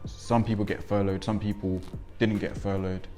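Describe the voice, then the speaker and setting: A man's voice: lowish voice, flat delivery, moderate pace, warm tone, soft background music. A man in his twenties, born in Congo and raised in England, speaking reflectively with frequent ums in a documentary interview. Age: 20s. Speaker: interviewee, young father.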